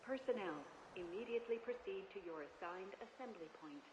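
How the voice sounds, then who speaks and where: A composed, formal female announcer speaks over a public address loudspeaker in a video game. Her delivery stays even and instructive, heard from a distance. Loud noise fills the scene around her. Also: medium pitch, fairly quick. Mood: calm urgent.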